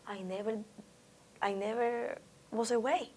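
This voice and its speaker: An artist from the Dominican Republic, a Spanish speaker with a Dominican Spanish accent, is interviewed about her art for an oral history. Her voice is slightly high, a little mellow, and fairly even, and she speaks a bit slowly, reflecting as she often restarts sentences.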